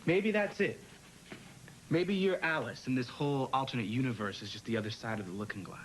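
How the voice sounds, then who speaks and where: A man's voice: medium pitch, fairly quick, fairly bright tone, a little hiss or hum, lightly acted, rough recording. An actor playing a wry, joking young man, a loyal best friend, in a 1990s daytime soap opera.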